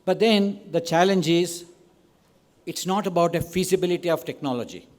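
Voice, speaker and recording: A man's voice: sits high, moderate pace. A man with an Indian accent giving an informal podium speech in a large hall, conversational and often checking in with his listeners. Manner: conversational, frequent "right?" and "okay?" check-ins. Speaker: conference speaker. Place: large indoor event hall, on stage. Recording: long reverberant hall sound.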